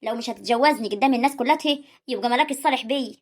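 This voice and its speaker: High, rapid-fire sharp-tongued Egyptian village woman, as a woman plays her, proud and confrontational, amateur drama role. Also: close to an everyday voice. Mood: indignant.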